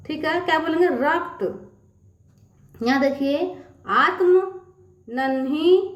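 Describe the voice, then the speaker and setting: A woman's voice: sits high, reverberant. A woman teaching a reading lesson to children, patiently repeating words and addressing them often.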